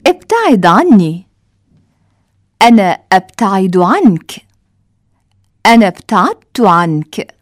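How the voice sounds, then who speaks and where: A woman teacher reading verb drills aloud, saying each model sentence slowly and carefully. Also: medium pitch, a little mellow, no room sound, clean studio sound. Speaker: language teacher.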